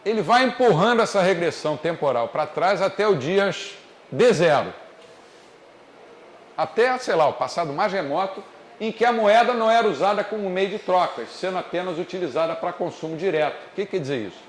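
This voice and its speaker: A man's voice: sits high, expressive. Brazilian male lecturer in an echoey room. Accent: Brazilian Portuguese. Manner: explains step by step, deliberately slow on key points. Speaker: economics lecturer. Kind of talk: classroom lecture. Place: classroom. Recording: echoey classroom, faint noise.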